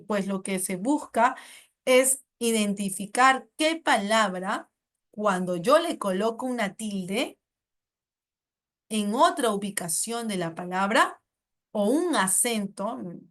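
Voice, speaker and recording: A Peruvian Spanish-accented woman teaches through exam questions in a patient, explanatory way. She checks in with short tag questions and corrects herself mid-phrase as she goes. Her voice sits at an ordinary middle pitch.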